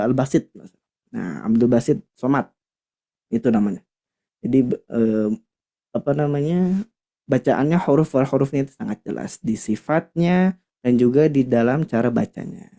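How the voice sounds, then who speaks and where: Gravelly-voiced male Quran teacher. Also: medium pitch, dark tone. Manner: patient and explanatory, searches for words aloud. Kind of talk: online class explanation.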